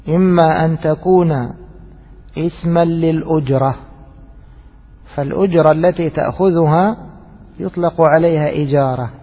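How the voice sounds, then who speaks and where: A man's voice: on the high side, slightly rough. A man giving a religious jurisprudence lesson, repeating key phrases and asking the class rhetorical questions. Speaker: Islamic jurisprudence teacher. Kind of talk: religious lecture. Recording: tinny phone-like lecture recording with long reverb.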